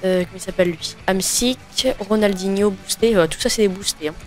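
A man's voice: sits high, fairly quick, darkish tone, faint music behind. A man giving casual gaming commentary while opening packs, hesitant and full of fillers and restarts. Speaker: gaming video creator.

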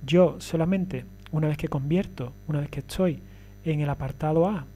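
A man's voice: a little high, moderate pace, mellow, slight background noise. A man giving a recorded lecture, explaining step by step and often checking that listeners follow.

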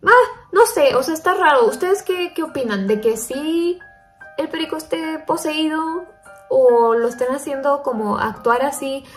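A woman's voice: high-pitched, unhurried, faint music behind. A young woman vlogging casually to her viewers, chatty and thinking aloud with lots of fillers. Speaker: paranormal stories vlogger.

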